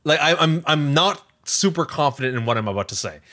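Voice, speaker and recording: Speaking a little fast and a bit high, another podcast co-host rambles animatedly through a casual conversation on tech and entertainment. He keeps correcting himself as he goes.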